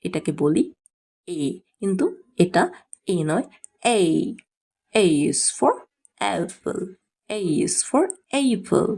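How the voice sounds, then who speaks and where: A woman with a Bengali accent, hosting a slow, careful alphabet pronunciation lesson and repeating each word deliberately. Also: on the low side, dark tone. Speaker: English teacher and channel host.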